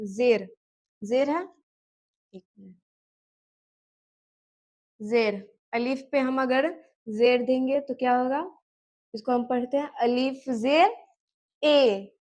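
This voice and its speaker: A woman gives a beginner lesson on writing letters. She is patient and repetitive. She slows down to spell out each sound and keeps checking that the learner is following. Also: sits high. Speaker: Urdu teacher.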